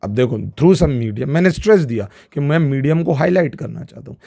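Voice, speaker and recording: A male teacher lecturing with a gravelly, dark, mellow voice. He speaks slowly and leans on key words, acting out small examples. He often stops to ask whether the class understands. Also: on the high side. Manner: animated, keeps asking if students follow; slow, stressed delivery with acted examples.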